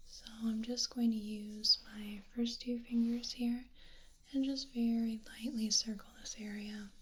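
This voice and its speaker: A woman doing a whispered role-play as a medical examiner, with a soft, soothing, breathy, hushed delivery. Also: on the high side, level tone, measured pace. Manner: soft, soothing spa-like whisper with personal attention. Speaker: ASMR performer playing a medical examiner.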